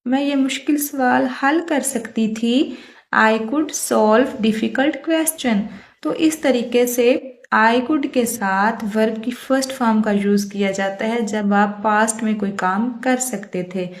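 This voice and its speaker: A woman teaching English grammar in Hindi, explaining patiently and saying each English example slowly and clearly. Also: fairly high pitch, fairly even intonation. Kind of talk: spoken English lesson for Hindi speakers.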